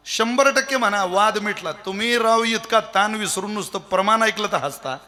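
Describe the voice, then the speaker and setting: Bright high-voiced man preaching. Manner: folksy, joking, rhetorical questions. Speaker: kirtan preacher. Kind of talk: devotional sermon with humour.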